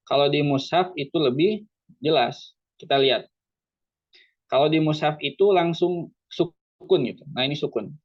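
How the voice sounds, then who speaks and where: A man teaching Quran recitation in an online lesson, explaining patiently, repeating himself and slowly chanting Arabic examples. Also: a little high, highs cut off.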